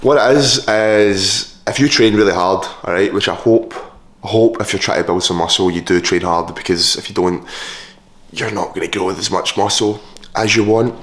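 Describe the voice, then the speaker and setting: A man's voice: on the low side, moderate pace, a bit bright, a little hiss or hum. A man chatting casually in a blokey, sweary way as a fitness vlogger, recorded in an echoey room. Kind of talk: casual vlog chat and gym tips. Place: large echoey indoor kitchen. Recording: echoey room with hard reflections.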